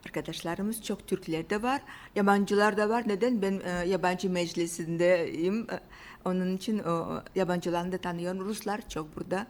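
A woman from Russia with a Russian accent, telling about her own life casually in simple, halting non-native Turkish with grammatical slips. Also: fairly low pitch, fairly even intonation, a little mellow. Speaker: interview guest. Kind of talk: casual personal storytelling.

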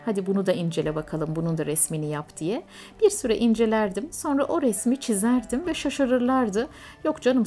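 A woman hosting a radio program, narrating in a measured way with frequent hesitant fillers. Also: lowish voice, mellow.

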